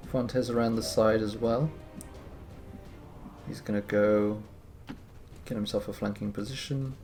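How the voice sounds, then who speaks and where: A man giving relaxed, wry commentary on his gameplay, sounding a bit tired. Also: fairly low pitch, measured pace. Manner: relaxed, wry, thinking aloud. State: tired, yawning. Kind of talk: casual let's-play commentary. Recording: music playing behind.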